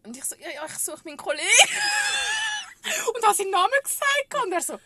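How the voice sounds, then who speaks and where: A woman with a Swiss German accent, co-hosting a podcast and telling a story in casual chat, animated and often laughing. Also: very high-pitched, normal speed, a crowd in the background. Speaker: podcast co-host.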